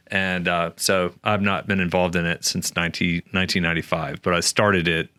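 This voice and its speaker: A man from Oklahoma in his forties, a guest author telling stories in a lively interview, with many restarts. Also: deep voice, normal speed, smooth, dry recording. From Oklahoma, USA. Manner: animated, many restarts and fillers. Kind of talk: conversational storytelling interview.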